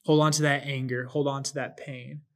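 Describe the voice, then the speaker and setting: Man, mid pitch, thoughtful, explanatory, casual faith discussion. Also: flat delivery, fairly quick.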